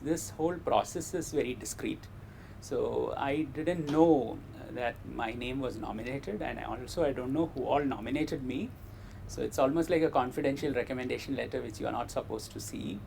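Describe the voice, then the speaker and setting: A man from Kerala with an educated, well-spoken Indian accent, giving measured, modest interview answers about his own life and work as a scientist. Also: mid-range voice, creaky, a little mellow, slight background noise, low-quality recording. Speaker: interview guest, meteor scientist. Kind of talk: interview answers, personal career story.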